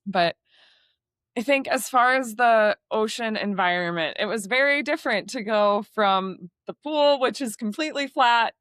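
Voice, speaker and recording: A young woman talks casually as an interview guest, a water photographer who keeps reaching for fillers as she thinks aloud. Her voice sits at a middle pitch for a woman. The sound is dry and close, with no room echo. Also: a bit bright. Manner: chatty, many fillers like "like".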